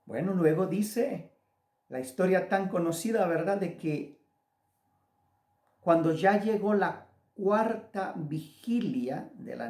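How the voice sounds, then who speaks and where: Male pastor, Guatemalan accent, slow and deliberate sermon delivery that speaks straight to the listener, recorded in an echoey room. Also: high-pitched, a little mellow. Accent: Guatemalan Spanish. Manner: deliberate, addresses listener directly. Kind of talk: devotional sermon.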